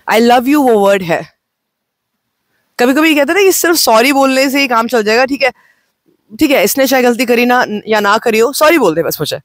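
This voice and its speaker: A woman's voice: fairly high pitch, no room sound. Woman life coach, unwell. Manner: mixes Hindi and English, speaks slowly and gently. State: unwell, voice sounds off. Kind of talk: spiritual self-help talk. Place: outdoors on location.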